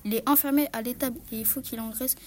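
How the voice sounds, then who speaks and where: A woman reading a fairy tale aloud, voicing a wicked old witch who barks orders loudly. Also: fairly high pitch, steady tone, quick pace, background noise, natural voice. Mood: scolding. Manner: barking loud orders. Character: wicked old female witch, harsh and bossy.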